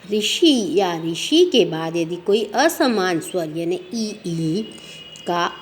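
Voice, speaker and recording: A woman teaching a grammar lesson, sounding out example words slowly and asking questions she then answers herself. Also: on the low side, expressive, slight background noise. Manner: slow, drawn-out pronunciation of example words; asks the listener questions and answers them.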